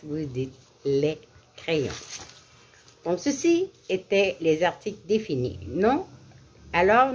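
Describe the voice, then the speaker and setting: A woman leads a French lesson at a slow, careful pace, saying each word twice so learners can follow. Her voice sits a little low but moves up and down a lot, and she slips English glosses in between the French. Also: a little mellow, a little hiss or hum. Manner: slow, deliberate repetition of words for learners. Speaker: French teacher. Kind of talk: classroom lesson.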